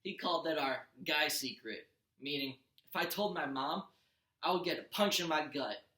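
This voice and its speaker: A man's fairly high voice comes across pushed and bright at normal speed as he reads a children's story aloud with teacherly animation. He is expressive but sometimes stumbles and corrects himself, and the recording has an echoey room sound.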